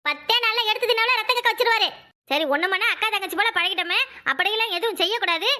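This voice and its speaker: A fiery village housewife for a cartoon, with a Kanyakumari Tamil accent, complaining and accusing in a very high, bright voice. She fires off her grievances at a rapid pace. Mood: indignant. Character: fiery robbed housewife, loud and indignant. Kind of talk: cartoon voice acting.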